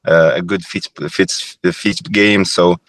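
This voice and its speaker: As a guest on a reflective podcast, a former goalkeeper, a young man from Morocco, talks thoughtfully and slowly in a low, steady, fairly bright voice. He often uses fillers and restarts, and there's slight background noise.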